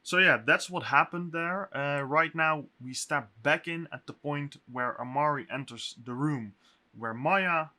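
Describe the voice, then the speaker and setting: A man recapping a tabletop game session as game master, his voice sounding echoey, talking haltingly with fillers and restarts. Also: a little high, pushed and bright.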